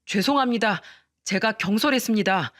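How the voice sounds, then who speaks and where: A woman's voice: mid-range voice, expressive, moderate pace, no echo, studio quality, natural voice. Woman voicing a meek, pleading husband. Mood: apologetic. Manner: soft, pleading and apologetic. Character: meek, pleading young married man. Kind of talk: storytelling radio narration.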